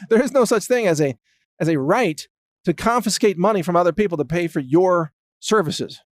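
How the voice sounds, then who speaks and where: A man's voice: high voice, lively intonation, normal speed, no echo, studio quality. A man hosting a political commentary monologue, talking in a sarcastic, mocking way. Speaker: host.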